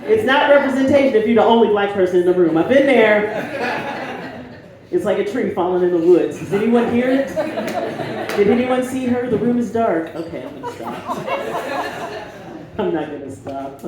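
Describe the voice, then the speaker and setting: A woman's voice: mid-range voice, animated, moderate pace. A woman in her forties doing a stand-up comedy set, brash and conversational, teasing the crowd from a club stage. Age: 40s. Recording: roomy club with crowd laughter. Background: audience laughing.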